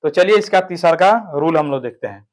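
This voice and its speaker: A man teaches grammar step by step in an online lesson, repeatedly checking in with "ठीक है." His voice is a little high, expressive, and a little fast.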